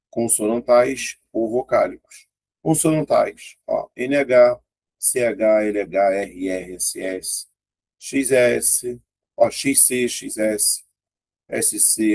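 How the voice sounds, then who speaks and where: A man's voice: medium pitch, vocal fry, darkish tone, slightly rough. A man with a Brazilian Portuguese accent teaching an exam-prep grammar lesson in a casual, chatty way, often pointing things out and checking in with his students.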